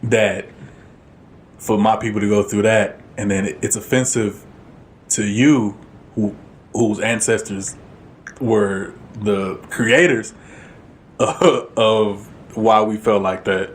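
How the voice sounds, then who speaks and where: Podcast co-host, male, low pitch, blunt and profane, faint rumbling noise behind. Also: steady tone, takes it slowly, pauses often. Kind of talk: casual chat.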